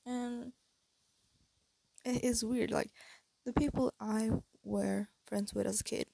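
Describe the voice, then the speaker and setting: A teenage girl rambling in a casual vlog with a breathy voice and a stuffy nose, talking through retainers and hesitating often as she thinks aloud into a close phone mic. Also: fairly high pitch, steady tone, slow pace, mellow, no echo. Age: teens. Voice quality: breathy, slight lisp from wearing retainers. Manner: hesitant, thinking aloud with many fillers and restarts. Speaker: vlogger. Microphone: phone held close.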